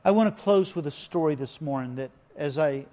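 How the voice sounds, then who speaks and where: A man's voice: fairly high pitch, fairly quick, dark tone. A man preaching a sermon, telling stories that build to emphatic points. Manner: storytelling, rising to emphatic. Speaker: pastor. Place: church sanctuary. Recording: echoey church hall with faint music.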